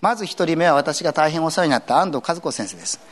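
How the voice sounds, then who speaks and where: A man pastor giving an earnest sermon in a conversational way, with casual asides mixed in. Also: fast talker. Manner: earnest, conversational preaching with lively swings in pitch.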